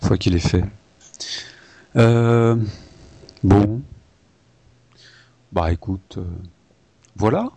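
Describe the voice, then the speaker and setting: A man interviewing in a relaxed, casual way, hesitating with many fillers. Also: lowish voice, very slow, long pauses, dry recording.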